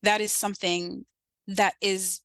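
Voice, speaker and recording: A Sudanese woman, probably in her thirties, speaks as a podcast guest with a Sudanese accent lightly tinged with British, talking earnestly and emphatically and often checking in with "right?". Her medium-pitched, slightly bright voice has a flat delivery at a measured pace, recorded cleanly in a studio with no room sound.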